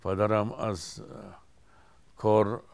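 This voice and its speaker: A Tajik-accented man in his seventies, a singer from Tajikistan, telling stories in an unhurried way with frequent restarts during an interview. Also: fairly low pitch, little pitch movement, smooth. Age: 70s.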